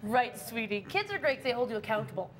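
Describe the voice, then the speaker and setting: A woman's voice: fairly high pitch, big pitch swings, fast, rough recording. A woman co-hosting a talk show, giggling and asking chatty questions. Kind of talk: casual talk show interview.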